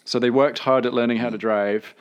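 A man's voice: mid-range voice, fairly even intonation, brisk. A man hosting a casual podcast interview, thoughtful and often repeating words as he starts sentences.

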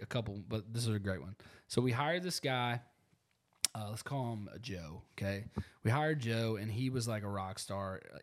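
A young adult man hosting a podcast, telling stories in a casual, rambling way with lots of filler words. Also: on the low side. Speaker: podcast host. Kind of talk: casual chat.

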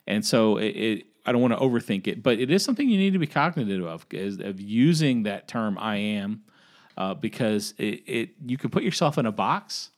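A man with a Southern accent and a somewhat low voice talks through a Bible passage in a relaxed, conversational way. He circles back and repeats words as he finds his point. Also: moderate pace. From American South. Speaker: podcast co-host. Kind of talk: casual Bible discussion.

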